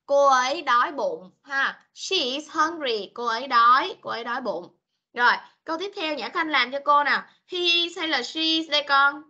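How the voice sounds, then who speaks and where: A woman teaching English to young children over a video call, speaking, patient and coaxing, mixing with slow English. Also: high-pitched, expressive, sharp tone, highs cut off. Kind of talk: online class for young children.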